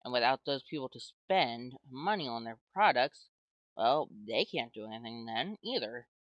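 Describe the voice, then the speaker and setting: Playing a game on camera, an American YouTuber talks expressively at normal speed in a medium-pitched voice, hesitating and rambling with plenty of "well" and "like." The audio has no room sound and its highs are cut off.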